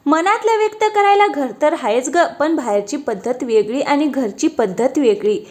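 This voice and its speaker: A woman's voice: high-pitched, lively intonation, normal speed, darkish tone. A woman voicing a playful, affectionate young husband who teases his wife. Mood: teasing. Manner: teasing, affectionate.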